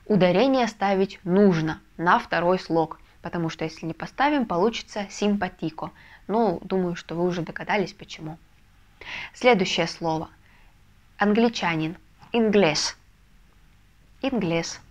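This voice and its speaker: A woman teaching a video lesson, explaining step by step with patient, soft confirmations. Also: fairly low pitch, moderate pace, lo-fi sound. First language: Russian. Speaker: Spanish language teacher. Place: language school in a Russian city.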